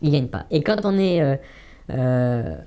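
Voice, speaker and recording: Man in his 40s, anonymous witness, halting delivery, warm dark tone, repeats himself for emphasis. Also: mid-range voice, lively intonation, smooth. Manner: hesitant, many fillers, repeats words for emphasis. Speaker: anonymous former trading student giving testimony. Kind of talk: interview testimony.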